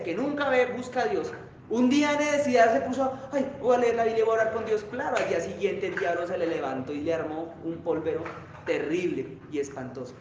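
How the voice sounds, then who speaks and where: In a church hall, a high-pitched man preaches a sermon and then leads the congregation in fervent, emphatic prayer. The hall is very echoey, a guitar can be heard, and there's slight background noise.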